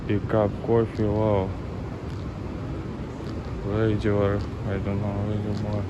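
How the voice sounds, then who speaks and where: A man from Russia with a Russian accent, chatting casually in halting, rambling English as a travel vlogger live-streaming. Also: on the low side, completely flat delivery, lo-fi sound. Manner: halting, rambling English with repeated filler words. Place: walking around city streets and shops at night. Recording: noisy city street, traffic and hum.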